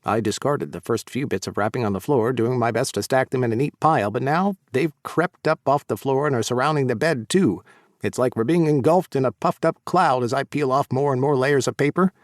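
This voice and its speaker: A man narrating a first-person romance audiobook in a warm, light storytelling delivery. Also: mid-range voice, a little fast, no room sound, clean studio sound.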